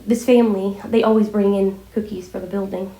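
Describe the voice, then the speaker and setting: A woman's voice: medium pitch, steady tone, a little fast, dark tone. A woman talking casually in a rambling, informal vlog style while fighting a cold and a scratchy sore throat. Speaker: vlogger addressing viewers. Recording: echoey room.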